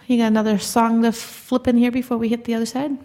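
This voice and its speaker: A woman's voice: fairly high pitch, little pitch movement, quick pace, dark tone. A woman co-hosting a podcast in casual chat, rambling and upbeat. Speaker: podcast co-host.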